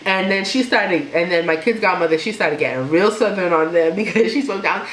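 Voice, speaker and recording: Lowish-voiced woman telling her story. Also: brisk. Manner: animated, laughs while telling, imitates others. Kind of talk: casual storytelling to camera. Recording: echoey room with faint noise.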